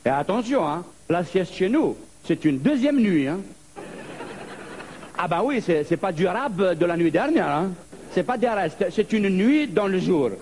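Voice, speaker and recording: Man from Algeria, stand-up comedian, high voice, lively storytelling, light background noise. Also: unhurried.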